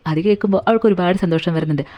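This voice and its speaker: A woman's voice: on the low side, rapid-fire, lo-fi sound. A woman retelling a film's story in a chatty, colloquial way, as a movie recap narrator.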